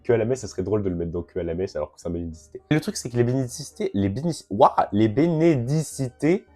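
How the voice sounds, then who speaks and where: A man's voice: mid-range voice, lively intonation, quick pace, warm tone, soft background music. A young man in casual vlog commentary, chatty and self-mocking as he rambles through his rankings.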